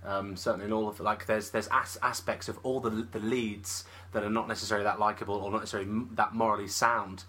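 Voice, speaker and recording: A man's voice: fairly low pitch, level tone, quick pace, hardly any pauses, bright, forceful tone, breathy edge. A man co-hosting a film podcast, talking eagerly and thinking aloud in casual chat. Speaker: podcast co-host, film reviewer.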